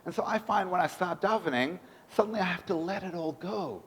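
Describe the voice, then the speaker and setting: A man's voice: sits high, animated, brisk, a little hiss or hum. A man giving a sermon as a rabbi, preaching emphatically with rhetorical questions in a synagogue. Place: synagogue sanctuary. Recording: echoey synagogue hall.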